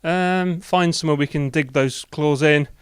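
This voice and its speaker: A man's voice: on the high side, steady tone, normal speed, clean tone, no echo, clean studio sound. A middle-aged man giving plain-spoken interview answers as a team captain.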